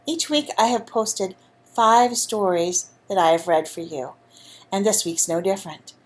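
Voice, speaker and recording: A woman reading a picture book aloud to children in an animated, friendly way. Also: medium pitch, a little slow. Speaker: storyteller for children.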